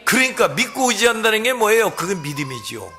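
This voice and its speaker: Middle aged pastor guy preaching, kinda high voice, swoops all over, folksy storytelling. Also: fast talker, soft background music. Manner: folksy, animated storytelling with rhetorical questions. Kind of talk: sermon on hymn lyrics.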